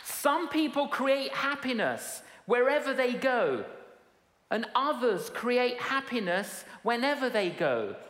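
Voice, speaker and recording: A woman preacher with a fairly high voice delivers a sermon at a slow pace. She tells it theatrically, repeating phrases for emphasis. The sound is reverberant, from a big hall with a congregation present. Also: big pitch swings, a bit bright. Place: large hall with live audience. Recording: echoey hall, reverberant, audience noise.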